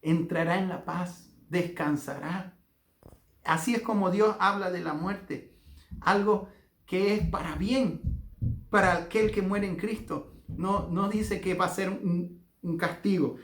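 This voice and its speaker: High-voiced Bolivian pastor preaching fervently. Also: male voice, steady tone, a bit bright. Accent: Bolivian Spanish. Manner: fervent, slows into drawn-out emphatic phrases. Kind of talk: sermon with guided prayer. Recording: echoey room with faint music.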